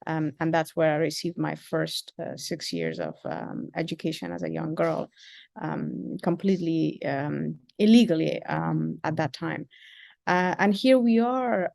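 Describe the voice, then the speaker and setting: A woman in her thirties from Afghanistan, answering interview questions in a halting, measured way with many ums and uhs. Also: low voice, creaky, darkish tone, no room sound. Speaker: interview guest, school founder.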